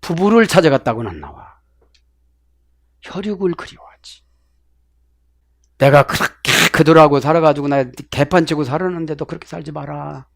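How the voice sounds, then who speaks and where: A middle-aged male pastor preaching a sermon with Bible word study. He swings between loud exclamations and hushed asides. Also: a little high, normal speed, vocal fry, pauses often, dry recording.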